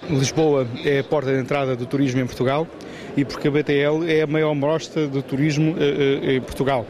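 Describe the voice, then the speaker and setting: A man's voice: fairly high pitch, level tone, fairly quick, noisy background. A man in his fifties, a town mayor, interviewed at a busy trade fair stand, talking with many hesitations and fillers. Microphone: handheld reporter mic. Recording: crowd chatter behind voice.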